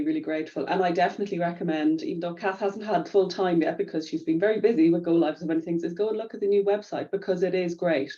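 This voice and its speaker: Woman, webinar host, effusive, gravelly mellow voice, muffled call audio. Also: lowish voice. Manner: effusive, thankful. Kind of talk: webinar hosting.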